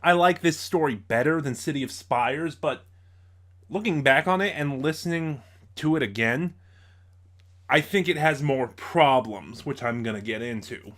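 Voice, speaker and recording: Hosting an informal spoken review, a man speaks haltingly, tripping over his words and correcting himself. His voice is mid-range with a fairly bright tone.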